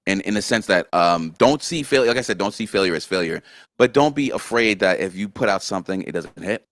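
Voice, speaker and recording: A man's voice: low-pitched, a little fast, dry recording, studio quality. A man being interviewed about his story series, talking animatedly and repeating words as he thinks. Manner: animated, slips in and out of character voices. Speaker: guest, creator of a story series. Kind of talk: casual interview chat.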